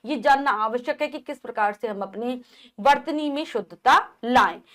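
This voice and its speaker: A woman's voice: on the high side, moderate pace, fairly bright tone. A woman from India teaching a grammar lesson to children, reading words aloud, repeating each one and explaining the correct spelling.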